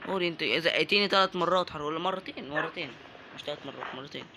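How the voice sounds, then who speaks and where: Young Egyptian man, game commentary, joking and chatty, slightly high voice, noise in the background. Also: rapid-fire, vocal fry. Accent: Egyptian Arabic. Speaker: gaming YouTuber. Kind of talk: casual let's-play commentary.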